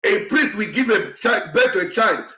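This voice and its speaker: A man's voice: high-pitched, animated, normal speed, pushed and bright, reverberant, highs cut off. A man hosting an online show, speaking in an impassioned, repetitive way that falters when he gets upset. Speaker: show host. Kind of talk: emotional commentary to an online audience.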